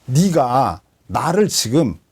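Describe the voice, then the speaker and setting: Male pastor, mid-pitched, animated Bible-study teacher; conversational, jokey, checks in with the class. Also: takes it slowly, breathy edge. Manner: conversational, checks understanding often; slangy, joking asides. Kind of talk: interactive Bible study lecture.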